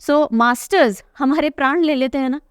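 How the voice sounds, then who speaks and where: This current affairs teacher, a young woman, talks at a normal speed in a high-sitting voice while running an exam-prep class. Her style is chatty and playful, and she says important names again and again so they stick. The sound is clean studio audio without any room echo.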